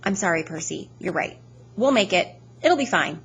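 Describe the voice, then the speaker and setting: A woman's voice: fairly low pitch, lively intonation, normal speed. Woman playing young girl adventurer, sensible, spirited, direct, earnest, storybook companion, faintly noisy recording. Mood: reassuring.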